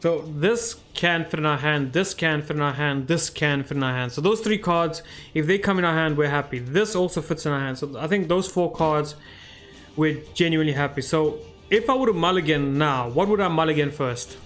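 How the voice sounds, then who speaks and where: A man's voice: fairly high pitch, moderate pace, fairly bright tone, faint music behind. Chatty male gamer thinking aloud. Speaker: game streamer. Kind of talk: casual gameplay commentary.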